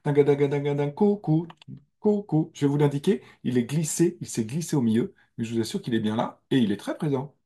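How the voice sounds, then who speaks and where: A man giving a music lesson, explaining slowly and carefully over recorded music. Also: medium pitch, lively intonation, mellow, slight background noise. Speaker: music teacher.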